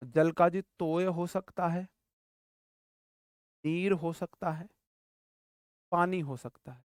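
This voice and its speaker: A man teaching vocabulary with a fairly high voice, recorded close and dry with no room sound. He talks animatedly, repeating key words and firing off quick questions. He jokes through memory tricks and keeps calling the class brother. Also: steady tone, dry recording. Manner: jokey memory tricks, calls listeners brother. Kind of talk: classroom lecture.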